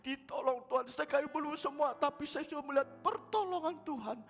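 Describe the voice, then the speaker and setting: A man voicing a middle-aged churchwoman who exclaims in a high, strained voice. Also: brisk, gravelly, fairly bright tone, long reverb tail, faint music behind, full character voice. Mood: grateful. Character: distraught middle-aged churchwoman, then grateful.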